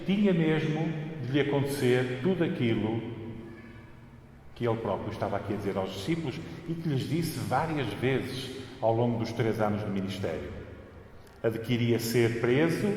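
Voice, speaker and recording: A man's voice: medium pitch, darkish tone. A man with a European Portuguese accent preaching a sermon emphatically, repeating phrases for stress, in a large church with cathedral echo. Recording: cathedral-like echo, long reverb, faint noise.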